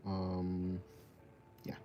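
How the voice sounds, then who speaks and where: Deep-voiced and mellow, this art streamer in his twenties talks extremely slowly with a completely flat delivery, and a slight hiss or hum sits in the audio. He draws on a live stream, easygoing as he reads out chat messages and answers them.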